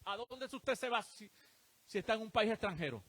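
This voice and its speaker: A man's voice: sits high, expressive, normal speed, a bit bright. A man preaching a sermon, asking the congregation rhetorical questions and answering them himself.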